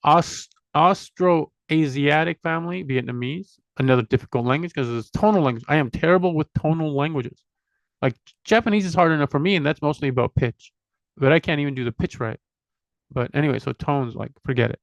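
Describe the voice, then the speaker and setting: His voice sits on the high side here, a little fast and creaky, recorded roughly but without echo. The middle-aged host of a language channel wanders chattily between items, listing them individually and teasing himself along the way.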